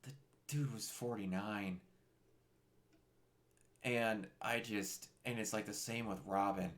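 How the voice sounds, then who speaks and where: A young man talking casually on a game stream, halting with many restarts. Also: fairly low pitch, fairly even intonation.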